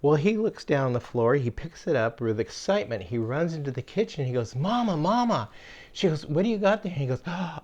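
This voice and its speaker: An older man telling stories in a relaxed, folksy way, pausing on "uh" and "um" as he goes. His voice sits at an ordinary middle pitch. He sounds like a grandfather spinning old jokes for the camera. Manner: folksy and rambling, with many fillers. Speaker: homestead channel host, former caregiver. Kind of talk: casual storytelling.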